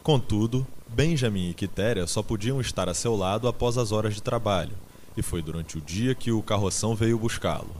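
Deep-voiced man narrating an audiobook. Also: darkish tone, a little hiss or hum. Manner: measured, dramatic storytelling.

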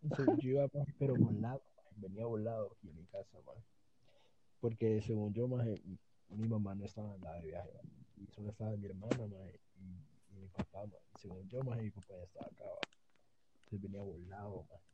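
A young man telling a story excitedly and filling it with slang. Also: fairly low pitch, brisk, muffled recording, noisy background. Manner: excited, repeats the word maje. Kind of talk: casual storytelling chat.

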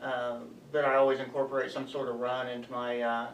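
A man's voice: mid-range voice, monotone, lo-fi sound. Earnest young man, echoey distant mic. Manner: earnest, halting, talks in short stretches. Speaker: running coach, guest. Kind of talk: interview answers. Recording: echoey room, voice a bit off-mic, faint background hum.

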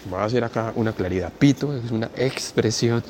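A man tells a story in a loose, chatty way, full of local slang. He often stops to explain his expressions to listeners from other countries. His voice sits at an average pitch, with faint noise in the background. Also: fairly quick, darkish tone. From Colombia. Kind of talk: spoken storytelling.

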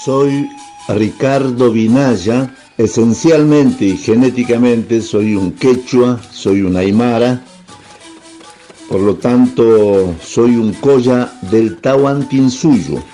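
A man from Bolivia giving a slow, solemn, deliberate recorded statement as a guest. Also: mid-range voice, dark tone, faint music behind.

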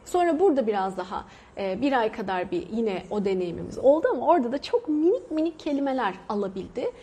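A woman's voice: on the high side, very animated, fast, dark tone, slight background noise. A woman from Turkey in her thirties, a mother talking casually to viewers in a chatty way, with many hesitations and doubled verbs. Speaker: mother sharing her experience.

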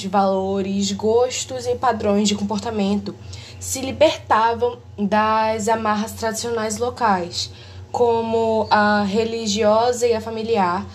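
A woman's voice: a little high, slight background noise. A woman hosts an educational explainer, reading a prepared text with small slips and self-corrections, her audio clipping and distorted. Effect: clipping, distorted blown-out audio. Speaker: host.

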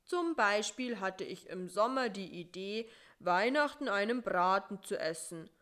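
A woman voicing a sleepy, timid male spider who answers in a slow, know-it-all way. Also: medium pitch, animated, fairly bright tone.

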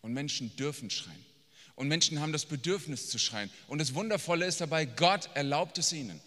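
A man preaching a sermon, blunt and emphatic, swinging from quiet asides to near-shouting. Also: fairly high pitch, lively intonation, brisk. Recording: long reverb of a large hall.

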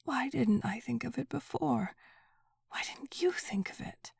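Woman doing a grieving old woman, whispered role-play, breathy, raspy, slow, dry close sound. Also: animated, dry recording, heavily acted. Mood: frantic. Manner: urgent, pleading, rising high. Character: desperate grieving old woman, wild with hope.

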